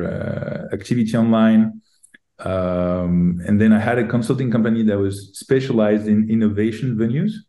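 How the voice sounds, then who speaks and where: A middle-aged man from France with a French accent, answering interview questions with many pauses and restarts. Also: on the low side, mellow. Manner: hesitant, many ums and restarts. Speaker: guest, tech executive. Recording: roomy echo.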